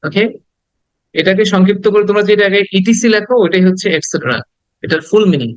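Man, pronunciation teacher, stretches each model word, quick asides, dry close sound. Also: high-pitched, no echo, low-quality recording. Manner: slow, drawn-out model words repeated, quick explanations. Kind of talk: spoken language lesson.

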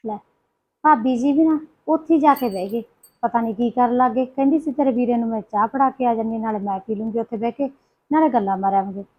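A woman's voice: fairly high pitch, quick pace, lightly acted. Woman acting scheming village sister-in-law, Punjabi accent, chatty, coaxing, dull lo-fi sound. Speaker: sister-in-law in a short film. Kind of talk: village family drama acting.

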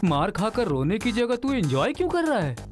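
A man's voice: high voice, sing-song, moderate pace. A man dubbing a doting, joking father in a film, coaxing his small son in sing-song baby talk. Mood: scolding. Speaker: father in a prison story. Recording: film soundtrack with music under. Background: film score.

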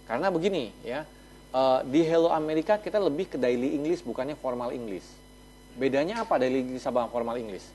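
A man's voice: medium pitch, brisk, darkish tone, a little hiss or hum. A man as a talk show guest, explaining things in a TV studio with lots of examples and hesitant fillers. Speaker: talk show guest, English course representative.

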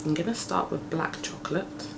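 In a creaky morning voice lower than usual, a woman in her thirties chats at a moderate pace while putting on makeup. It's a casual tutorial from a beauty vlogger, shot at close range on a desk camera in her flat, with street and aircraft noise from the open window.

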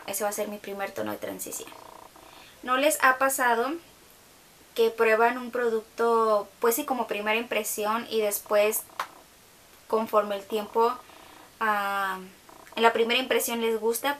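A woman's voice: on the high side, a bit bright, slight background noise. Chatty young woman. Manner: chatty, with hesitant fillers. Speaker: makeup tutorial host. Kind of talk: casual makeup tutorial talk. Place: her bedroom.

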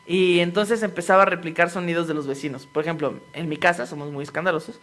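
A woman's voice: on the low side, steady tone, quick pace, a bit bright. A woman with a Mexico City Spanish accent, guest on a comedy podcast, telling anecdotes with slang and laughter. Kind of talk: casual comedic chat.

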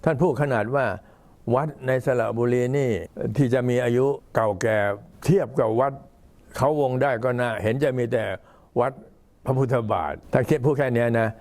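An old man, a Buddhist monk, giving an informal talk to temple visitors in an unhurried, halting way. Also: mid-range voice, darkish tone. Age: older. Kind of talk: informal talk, recounting temple history and announcements.

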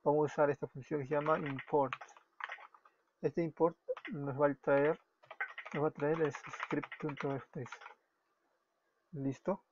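In a screen-recorded coding tutorial, a Peruvian web development tutor with a Peruvian Spanish accent explains things step by step, often correcting himself and apologizing. His voice sits on the high side with fairly even intonation, a measured pace, and long pauses. The dull lo-fi recording carries keyboard typing and background noise.

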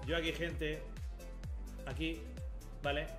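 A man's voice: a little high, level tone, slow pace, roomy sound, over music. A man streaming a football game live, exasperated and complaining to his viewers about the lag. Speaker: gaming streamer.

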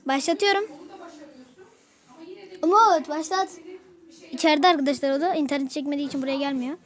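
A woman giving casual gameplay commentary to her viewers, excitable and quick to burst out in frustration. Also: high voice. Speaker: gaming video host.

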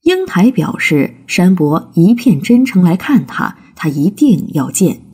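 A woman reading a classic folk tale aloud as a storybook narration, with slow, expressive delivery. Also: fairly low pitch, husky.

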